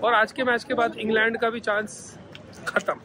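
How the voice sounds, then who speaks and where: A man in his thirties chatting excitedly in a casual vlog, filming himself outdoors with an action camera at arm's length. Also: very high voice, normal speed, background noise. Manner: chatty, excitable cricket talk. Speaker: vlogger. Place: outdoors in a stadium stand and a street.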